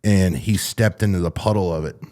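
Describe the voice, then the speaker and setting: A man's voice: low voice, brisk, darkish tone. A male podcast host telling crude stories in casual chat, swearing freely. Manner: rowdy storyteller, swears freely.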